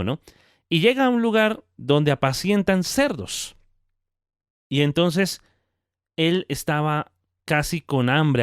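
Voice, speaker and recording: A man gives a devotional talk, retelling a parable in a conversational, lively way. His voice is smooth and clear, recorded dry and close to the mic. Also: a little high, no room sound. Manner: conversational, animated storytelling with tag questions. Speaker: podcast host.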